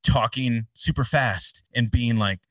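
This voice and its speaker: A man in his thirties, a sports announcer, telling his story in a casual interview with animated, chatty delivery full of fillers. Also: mid-range voice, a little slow, no room sound, recorded from a distance.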